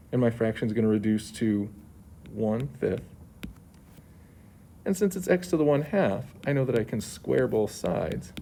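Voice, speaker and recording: A man teaching math in a mellow, dark voice that is slightly muffled behind a face mask. He explains worked solutions step by step. There is faint noise behind him at a school. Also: fairly low pitch. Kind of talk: homework solutions walkthrough, explanatory.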